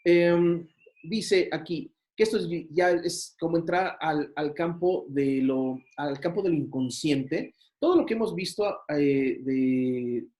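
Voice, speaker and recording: A man's voice: a little high, slow pace, a little mellow. A man with a Mexican accent lecturing a university class in a conversational way, full of fillers and rhetorical questions. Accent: Mexican Spanish. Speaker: university teacher.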